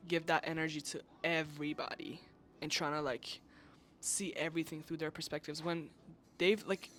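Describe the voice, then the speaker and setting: Animated, rambling woman vlogger. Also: deep voice, normal speed. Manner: animated, heavy use of "like", swears when exasperated. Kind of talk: casual storytelling rant.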